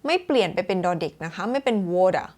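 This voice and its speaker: A woman giving a casual pronunciation lesson, slowly demonstrating words over and over and mixing with English. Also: medium pitch, animated, a little hiss or hum. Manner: demonstrates words slowly and repeatedly, switching between Thai and English. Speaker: English teacher.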